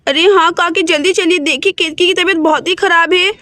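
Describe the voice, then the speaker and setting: A worried young village neighbour, as a woman puts her on rushes and calls for help in a doll-play story. The voice is very high and bright, and recorded close and dry. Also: steady tone, no echo. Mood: hurried worried. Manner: hurried and worried.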